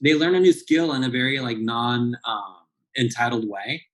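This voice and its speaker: A barista in his late thirties from Southern California rambles through a casual interview, full of fillers and restarts. His voice is medium-pitched at a moderate pace, and the recording is rough.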